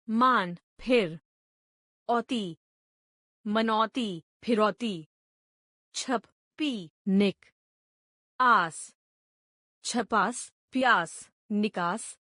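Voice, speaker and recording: A woman reading a grammar lesson aloud, going through word lists one item at a time in a measured, deliberate way. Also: medium pitch, a bit bright, no room sound, clean studio sound. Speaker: grammar teacher.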